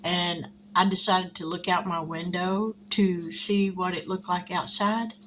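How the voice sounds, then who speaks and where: Slow-talking woman, folksy. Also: lowish voice, fairly even intonation, sharp tone, slight background noise. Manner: chatty, folksy, says y'all. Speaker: savings channel host. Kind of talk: casual chat to viewers. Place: at home, indoors.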